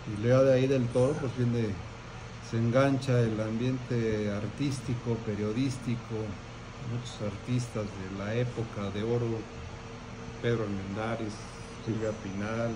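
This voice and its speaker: A restaurant owner in his sixties with a Mexican accent recounts his family's business history in an interview, speaking unhurriedly at medium pitch with fairly even intonation. It's recorded indoors in the dining room, and the restaurant background is clearly noisy.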